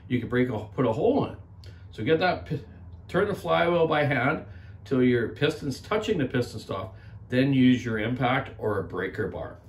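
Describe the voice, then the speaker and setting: A man in his forties running a casual workshop vlog about chainsaw repair, rambling in a folksy way and calling viewers "man". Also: mid-range voice. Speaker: chainsaw repair shop owner. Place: small indoor repair workshop. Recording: echoey workshop room.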